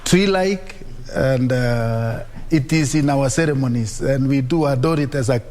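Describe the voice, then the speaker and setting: A man's voice: medium pitch, unhurried, darkish tone. A man with a Kenyan accent explaining as an expert guest, repeating phrases for emphasis. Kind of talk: explanatory live commentary.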